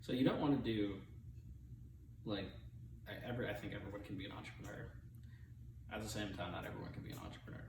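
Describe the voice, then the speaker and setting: A man's voice: fairly low pitch, fast talker, long pauses. A man hosting a casual chat, loose and joking, with profane slang. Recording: roomy, distant mic, faint noise.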